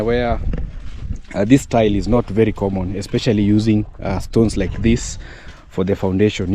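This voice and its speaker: A man's voice: on the low side, mellow, slight background noise. A young man, from East Africa, giving a friendly step-by-step walkthrough for viewers at a village building site outdoors. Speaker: vlogger. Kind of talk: casual vlog walkthrough.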